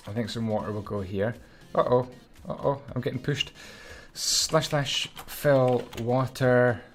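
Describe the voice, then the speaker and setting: Scottish man, easygoing build commentary, mid-range voice, mutters and hums between thoughts. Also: mid-range voice. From Scotland. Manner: chatty, hums and mutters while concentrating. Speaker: Minecraft YouTuber.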